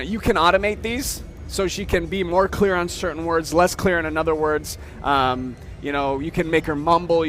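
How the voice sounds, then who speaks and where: A man giving a casual, step-by-step software demo at a trade show, often checking in with "okay?". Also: fairly high pitch. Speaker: software demonstrator.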